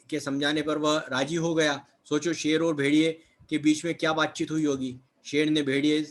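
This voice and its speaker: A man's voice: fairly high pitch, a bit bright. A man teaching a children's textbook lesson, asking questions and then answering them himself, checking in with little tag phrases. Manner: asks questions then answers them, repeats words with "है ना" and "ठीक है".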